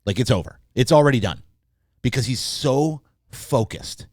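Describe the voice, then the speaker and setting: A man's voice: mid-range voice, animated, moderate pace, darkish tone, no echo. A man hosting a casual studio talk, emphatic and repeating himself as he tells stories. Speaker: podcast host. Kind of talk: casual chat.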